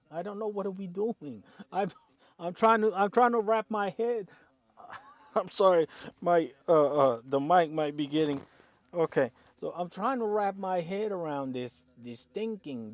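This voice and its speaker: A man who drives his own truck, talking casually and excitably through auction prices, often saying "man" and chuckling. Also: a little high. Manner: animated, excitable, peppers talk with "man" and chuckles. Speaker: owner-operator truck driver.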